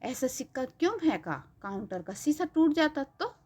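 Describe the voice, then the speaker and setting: A woman's voice: high voice, very animated, moderate pace, a little mellow. A woman reading a scolding shop worker. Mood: angry. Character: angry male shop worker. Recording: dull lo-fi recording.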